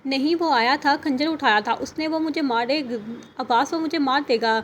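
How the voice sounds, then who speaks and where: A woman's voice: high voice, normal speed, slight background noise, natural voice. A woman voicing a frightened young wife in an audio novel, speaking in a tearful, pleading way. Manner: pleading, sobbing.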